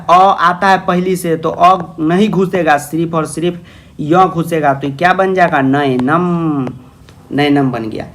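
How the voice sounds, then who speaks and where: A man's voice: high voice, a bit bright. A man teaching a grammar lesson, coaxing his students along, calling them "babu" and posing their questions himself before answering. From India. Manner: coaxing, calls listeners "babu". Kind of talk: classroom-style grammar lesson.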